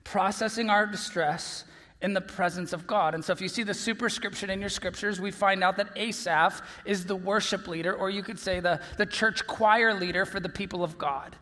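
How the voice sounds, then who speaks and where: A man preaching a sermon as pastor, earnest, dropping to soft near-whispers and then rising to loud emphasis. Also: sits high, steady tone, normal speed. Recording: long reverb of a large hall.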